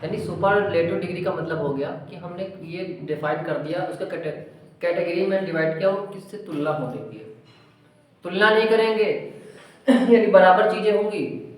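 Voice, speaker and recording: A man's voice: sits high, a little hiss or hum. Man teaching in a very echoey classroom. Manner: explains slowly, asks pupils questions and repeats their answers. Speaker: English teacher. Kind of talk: classroom grammar lesson. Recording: very echoey classroom, mic far off.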